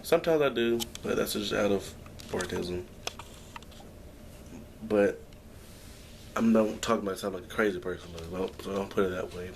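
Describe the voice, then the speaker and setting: Indoors at home, a young adult vlogger talks into his camera, his downbeat, meandering monologue broken by sighs and restarts. He has a gravelly, lowish voice, keeps a moderate pace, and leaves long pauses, with slight hiss or hum audible.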